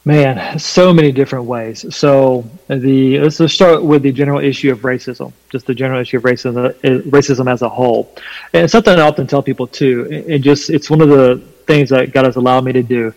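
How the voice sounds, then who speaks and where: A man with a Southern US accent and a slight twang, explaining his faith emphatically and deliberately in a preaching style during a conversation. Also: mid-range voice, darkish tone. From North Carolina, USA. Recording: long hall reverb.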